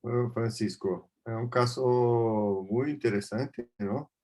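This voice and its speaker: A man's voice: mid-range voice, slow pace, mellow. A man moderating an online clinical case discussion, hesitant and often repeating words. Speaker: meeting moderator.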